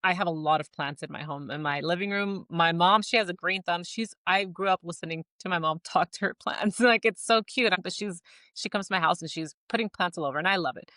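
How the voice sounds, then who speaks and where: A woman co-hosting a casual podcast, telling stories in an animated way, laughing often and acting out lines. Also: on the low side, a little fast, dry recording, studio quality. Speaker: podcast co-host.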